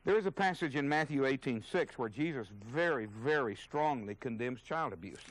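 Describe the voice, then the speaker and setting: Guy giving a sermon, earnest, emphatic, kinda indignant, mid-pitch, dry close sound. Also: animated, normal speed, dry recording, poor audio. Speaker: Bible teacher.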